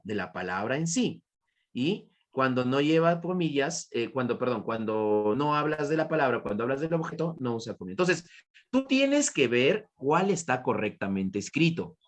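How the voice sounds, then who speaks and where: A man teaching an online class with a Peruvian Spanish accent, repeating his points and asking students questions. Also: medium pitch. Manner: repetitive, questioning students, praising answers.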